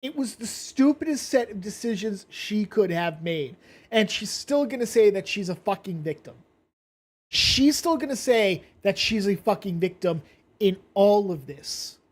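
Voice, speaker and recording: A man's voice: high-pitched, animated, unhurried. A man hosting a casual commentary stream, rambling and blunt, swearing freely and sounding drowsy from medication. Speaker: commentary channel host.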